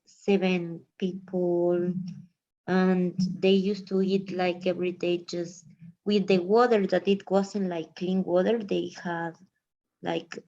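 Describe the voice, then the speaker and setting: Woman, slow and mellow, lots of likes, dull video call sound. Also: on the low side. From Ecuador. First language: Spanish. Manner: hesitant, many likes and fillers. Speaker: student.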